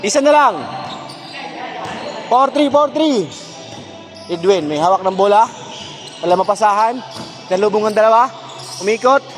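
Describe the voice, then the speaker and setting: A man filming a basketball game on a handheld camera and calling the plays in a casual way, often shouting with excitement. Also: sits high, moderate pace, long pauses. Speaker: cameraman doing play-by-play. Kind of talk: casual play-by-play commentary. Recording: music playing under voice.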